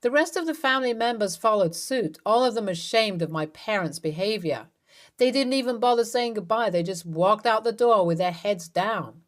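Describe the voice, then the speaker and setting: A woman's voice: mid-range voice, lively intonation, normal speed. A woman reading a first-person story aloud with a dramatic, emotional delivery. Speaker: narrator.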